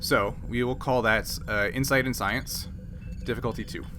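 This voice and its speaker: A man serves as game master for a tabletop roleplaying game, narrating and explaining the rules in a halting, think-aloud way. His mid-range voice keeps a steady tone over music.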